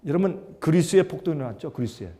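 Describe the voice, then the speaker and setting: A male pastor preaching a sermon, emphatic, firing rhetorical questions and swinging between loud and hushed. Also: on the high side, expressive, racing. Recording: long hall reverb.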